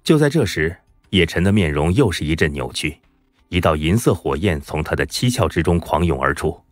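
Brief: male audiobook narrator, very low voice with wide, lively swings, dry close sound, faint music bed. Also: fairly quick, no echo. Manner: dramatic, emphatic storytelling. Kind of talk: scripted web-novel narration.

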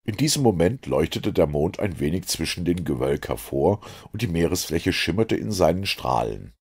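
A man narrating an adventure audiobook in a dramatic, expressive way. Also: sits low, moderate pace, breathy edge.

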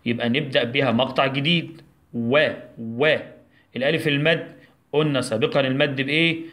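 A man with an Egyptian Arabic accent teaches a recorded lesson for small children in a medium-pitched voice. He poses questions and answers them himself. He stretches out each syllable slowly as he drills the sounds. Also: steady tone, fairly bright tone. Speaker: primary school teacher.

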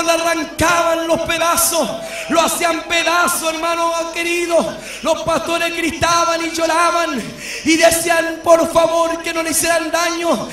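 A man preaching a shouted sermon testimony, calling his listeners beloved brother, in a church hall. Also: very high voice, a little hiss or hum. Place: church hall before a congregation. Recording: echoey hall, mic at a distance.

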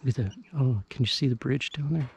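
The speaker is a fishing vlogger with a medium-pitched, husky, creaky voice who talks a little fast. Standing on a riverbank at dawn, he casually explains his fishing as he goes, captured by a camera mic amid faint birds and outdoor ambience.

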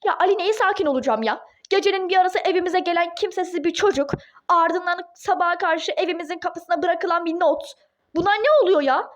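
A woman's voice: very high voice, fairly quick, slight background noise. A woman voicing a furious, indignant young wife in a toy-game role-play drama, speaking in exclaiming outbursts. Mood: outraged.

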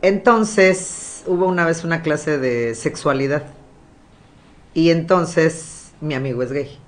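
A woman hosts a podcast in relaxed, chatty conversation. Her voice sits a little low for a woman. She rambles through stories, often stopping on small filler words. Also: takes it slowly. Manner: chatty storyteller, frequent "este" fillers. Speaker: podcast host. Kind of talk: casual chat.

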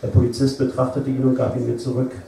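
A middle-aged male author reads his first-person prose aloud at a live event. His delivery is wry and deadpan, and his tone is mellow and dark. He sits some way from the mic, and heavy room echo hangs on every line. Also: medium pitch, fast talker, creaky. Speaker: author reading his own book. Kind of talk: live literary reading, first-person narration. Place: live reading venue, indoors. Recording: echoey venue, voice from a distance.

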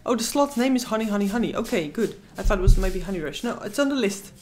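Co-hosting a live casino stream, a young woman from the Netherlands talks in an animated, quick way, her medium-pitched voice darkish and marked by a Dutch accent. She chats with viewers, reads their messages aloud, reacts to the play, and lets out squeals at wins.

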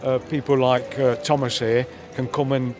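A man's voice: medium pitch, level tone, moderate pace. An older man, a football fan and grandfather, chatting thoughtfully in a street interview with many fillers, held mic outdoors. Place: outdoors by a stadium car park. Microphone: handheld mic held by interviewer.

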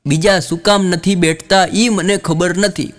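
A man telling jokes in a live stand-up show on a stage mic, lively and animated. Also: high-pitched, unhurried. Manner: lively storytelling, acting out quoted voices. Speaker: stand-up comedian.

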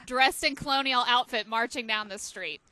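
A woman's voice: a little high, normal speed, sharp tone. A young American woman co-hosting live parade commentary on a headset outdoors, eager and enthusiastic. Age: young adult. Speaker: parade co-host, educator. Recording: outdoor street ambience, clear background noise.

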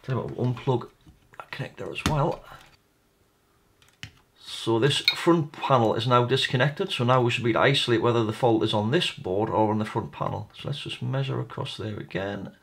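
A hobbyist electronics repair presenter walks through a hands-on fix, casually explaining each step and thinking aloud. His voice is medium-pitched and fairly bright with some vocal fry, at a normal speed.

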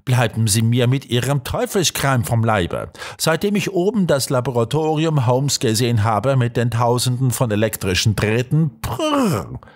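A man voicing an excitable, blustering male police inspector who grumbles and flares up quickly. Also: medium pitch, close to an everyday voice. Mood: grumbling. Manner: gruff, quick to anger.

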